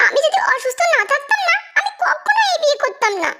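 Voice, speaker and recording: A woman's voice: very high voice, big pitch swings, fast, bright, forceful tone, a little hiss or hum, pitched above the performer's own voice, full character voice. A woman voicing a flustered, shy young man in a storybook reading who stammers and protests. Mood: whiny.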